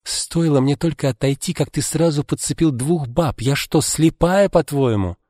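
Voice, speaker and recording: A man voicing a jealous, furious young woman in an audiobook, with a shrill and accusing manner and his pitch raised. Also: normal speed, darkish tone, no echo, studio quality, close to an everyday voice.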